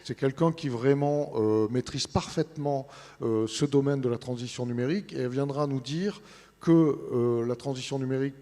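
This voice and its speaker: A man presents an events programme as an interview guest, informally and haltingly, searching for words. His medium-pitched voice carries the long reverb of a large hall. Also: mellow. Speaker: interview guest representing a newspaper. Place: large studio set in a big hall.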